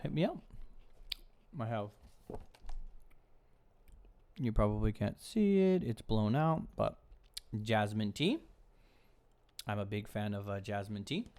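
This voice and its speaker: A man's voice: on the low side, animated, slow pace, long pauses, a little mellow, a little hiss or hum. A young man hosting a casual live stream, chatting loosely with viewers while snacking at a table. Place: indoors at a table, eating snacks.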